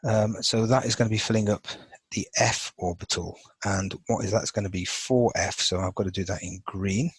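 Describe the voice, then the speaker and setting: A man with a lowish, slightly husky voice walks through a chemistry lesson, thinking aloud as he marks up a chart. He talks in a loose, unscripted way, full of fillers and restarts. The sound is dry and close. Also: fairly even intonation, normal speed, no echo, rough recording. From England. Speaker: chemistry teacher. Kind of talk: informal lesson over a drawn screen.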